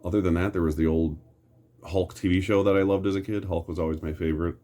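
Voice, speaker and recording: A man's voice: deep voice, fairly even intonation, fast talker, mellow. A middle-aged American man giving casual, rambling commentary in an opinionated, grumbling back-in-my-day rant with some mild swearing. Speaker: host reminiscing about superhero films.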